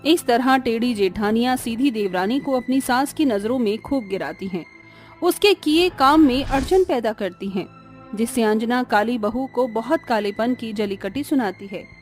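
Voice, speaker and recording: A woman reading scripted narration for a cartoon story in an even, plain manner. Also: a little high, moderate pace, faint music behind.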